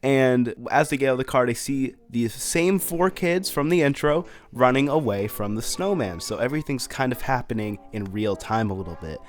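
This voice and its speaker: Animated young man chatting about cartoons. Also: medium pitch, normal speed, few pauses, soft background music. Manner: animated, emphatic, slangy asides. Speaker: cartoon reviewer, channel host. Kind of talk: casual video commentary.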